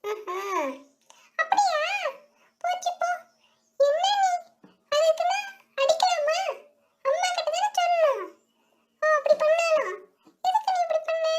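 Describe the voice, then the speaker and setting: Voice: very high-pitched, unhurried, pauses often. A female performer voicing a reproachful older sibling doll in a doll story play. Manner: reproachful, nagging.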